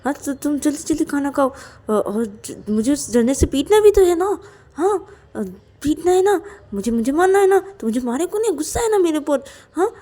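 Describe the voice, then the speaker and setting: Woman playing a young lover in a storybook romance, high, begging, repeats herself. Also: big pitch swings, normal speed, dark tone. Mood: urging. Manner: begging, repeats words over and over. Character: young woman pleading with her lover to eat.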